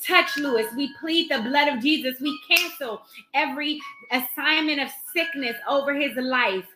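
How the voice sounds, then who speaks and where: A woman's voice: sits high, moderate pace. A woman leading a live prayer meeting, praying urgently over the sick in repeated, declarative invocations. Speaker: prayer leader and Bible teacher. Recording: roomy echo, faint music behind.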